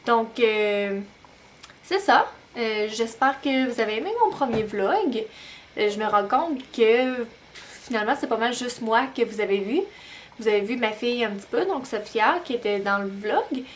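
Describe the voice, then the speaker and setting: A young woman with a Québécois French accent talking casually to camera at home as a new-mom vlogger, relaxed and full of hesitant pauses. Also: fairly high pitch, a little hiss or hum. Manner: chatty, many "euh" pauses, relaxed. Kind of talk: casual vlog talk to camera. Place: home, bedroom at night.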